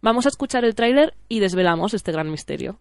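A woman's voice: medium pitch, lively intonation, fast, darkish tone, clear, resonant tone, dry recording, studio quality. A woman hosting a film show, presenting in a semi-scripted way. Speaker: radio film show host.

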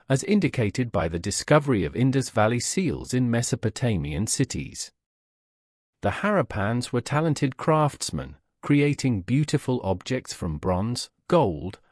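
A man reading a scripted documentary narration in an even, measured way. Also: medium pitch, no room sound, clean studio sound.

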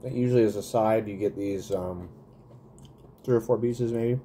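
A man's voice: on the low side, steady tone, normal speed, warm tone, a little hiss or hum. A man in his thirties reviewing food in a casual vlog, talking between bites and humming as he tastes, recorded on a webcam in a small room. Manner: chatty, eating while talking, smacking and humming. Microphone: webcam at desk.

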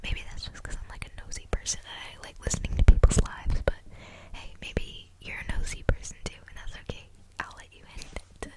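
A woman in her twenties softly whispering an ASMR vlog very close, right in your ear, chatting casually in a rambling, confiding, hesitant way. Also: a little fast, few pauses. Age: 20s. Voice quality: soft unvoiced whisper. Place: small dim room at home, indoors. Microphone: desktop condenser microphone very close to the mouth, binaural.

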